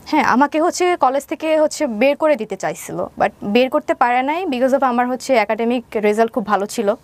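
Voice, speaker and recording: Her voice high-pitched and fairly quick, a young Bangladeshi-accented woman recounts personal experiences as an interview guest, slipping English words into what she says. There's no echo on the recording.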